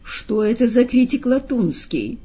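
A woman voicing a calm, commanding male devil who speaks slowly and ironically. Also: fairly high pitch, breathy edge, voice pushed up, full character voice. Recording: slightly dull lo-fi sound.

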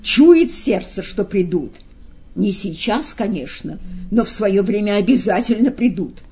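A woman's voice: medium pitch, lively intonation, a little slow, warm tone, slight background noise. A woman voicing a fussy, talkative, sly man from a devil's retinue who exclaims a lot. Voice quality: effusive, exclaiming. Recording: slightly dull lo-fi sound.

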